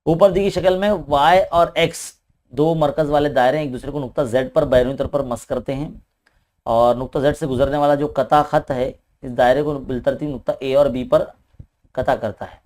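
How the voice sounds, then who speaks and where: A man's voice: medium pitch, steady tone, a little mellow. A man with an Indian Urdu-speaking accent, a maths teacher working through an exam paper step by step and often adding a questioning "hai na". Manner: talks quickly. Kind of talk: paper-solving lesson.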